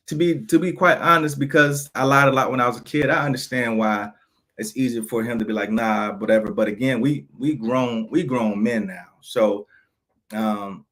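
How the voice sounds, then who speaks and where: Here a man in his thirties, a vlogger, talks with a mid-range, somewhat bright tone. The monologue is unplanned and personal, blunt and resentful, full of restarts and repeated wording.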